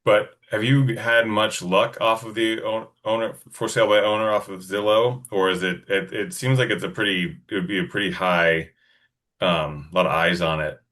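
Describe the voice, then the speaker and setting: A man's voice: on the low side, steady tone, normal speed, fairly bright tone. A man calling in to a live session, asking rambling questions with frequent restarts. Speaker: caller.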